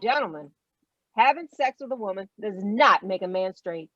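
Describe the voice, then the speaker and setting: An actress playing Brenda, a sharp, sarcastic adult daughter, in a stage play reading. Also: female voice, mid-range voice, animated, moderate pace, no echo, highs cut off. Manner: sarcastic, exasperated.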